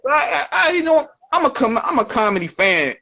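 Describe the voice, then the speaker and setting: A man's voice: very high voice, very animated, moderate pace, creaky, pushed and bright, dull audio. A man hosting a casual talk show, with loose, slangy talk that keeps repeating and restarting. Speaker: show host. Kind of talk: casual chat.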